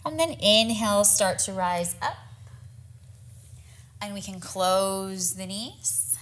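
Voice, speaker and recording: Young yoga teacher lady, bright voice, counting breaths, a bit winded. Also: medium pitch, slow, a little hiss or hum. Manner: encouraging cues timed to breath, light laughs. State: slightly out of breath. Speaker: yoga instructor. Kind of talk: guided yoga class instruction.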